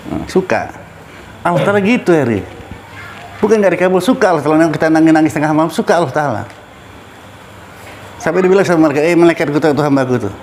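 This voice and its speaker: A man's voice: a little high, darkish tone, slight background noise. A middle-aged man, a religious teacher, giving a casual study talk and asking his listeners questions. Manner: conversational, asks listeners questions.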